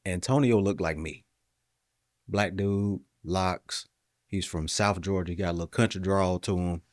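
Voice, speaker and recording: A man talking casually on a podcast, telling animated, motivational stories. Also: low voice, measured pace, no echo, clean studio sound.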